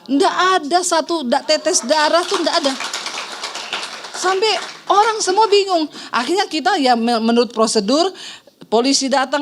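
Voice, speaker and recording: Slight background noise accompanies this woman's slightly high voice. She's a middle-aged pastor with an Indonesian accent, preaching by sharing her own testimony, playing the characters' voices and calling the congregation "Saudara."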